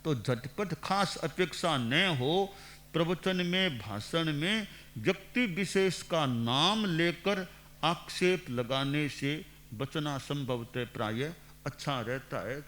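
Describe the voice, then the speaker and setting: A man in his sixties, a monk giving a measured, didactic sermon into a microphone and repeating phrases for emphasis. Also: a little high, lively intonation, fairly bright tone. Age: 60s. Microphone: speaking into a microphone.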